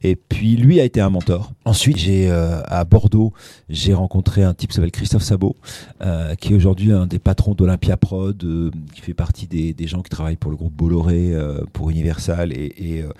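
A man's voice: sits low, steady tone, moderate pace, mellow, dry recording. A middle-aged man, a radio host, telling career anecdotes in casual interview chat with frequent restarts. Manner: anecdotal storytelling with many restarts.

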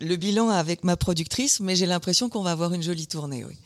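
A woman from Germany, an actress and dancer, chatting as a guest in a radio interview, lively and quick to laugh. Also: on the low side. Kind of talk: casual radio interview chat.

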